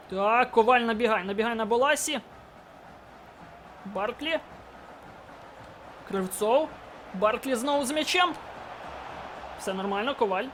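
A man with a very high voice calls his own football video game match as he plays. He talks through every pass, then bursts into shouting when a goal or a chance comes. A faint hiss of noise sits under his voice. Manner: excitable, shouts at goals and chances. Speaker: gaming YouTuber. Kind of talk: live game commentary.

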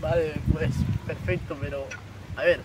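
A teenage boy plays a stiff, formal sports official on a prank call, stumbling over fillers. His fairly high voice sounds distant, caught by a far camera in a park. Clear outdoor noise runs underneath. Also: fairly even intonation, measured pace. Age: teens. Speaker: prank caller. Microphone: phone on speaker, far camera.

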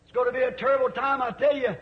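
A man's voice: extremely high pitch, fairly even intonation, fairly quick. A man preaching fervently, rising at times to cries, on an old sermon recording. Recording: echoey dull archive tape.

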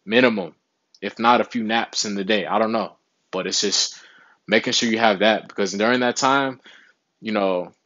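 With a bright, forceful voice pitched fairly low, a young man delivers easygoing health motivation to camera at a moderate pace. He's a vlogger in a small room with a window behind, often saying "you know what I'm saying," and the recording has no room sound with the highs cut off.

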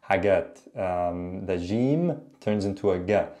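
A man's voice: lowish voice, fairly quick, dark tone. A man in his thirties giving casual reaction commentary and language tips in a conversational, explanatory way. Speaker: host, Arabic teacher. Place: small indoor room.

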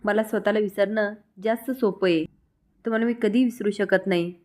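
Lovesick young man, timid, soft pleading, voiced by a woman storyteller. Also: medium pitch, fairly even intonation, fairly quick, lightly acted.

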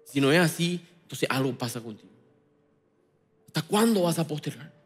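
A man with a Paraguayan Spanish accent, preaching a sermon with impassioned swings between loud declarations and quiet asides. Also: a little high, animated, moderate pace, husky, in a large hall, faint music behind. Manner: impassioned preaching, rising and dropping sharply. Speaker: pastor.

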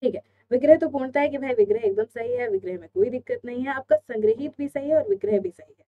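A woman's voice: high voice, very animated, fast talker, creaky, phone-quality sound. A woman teaching an online exam-prep Hindi lesson, explaining step by step and answering her own questions.

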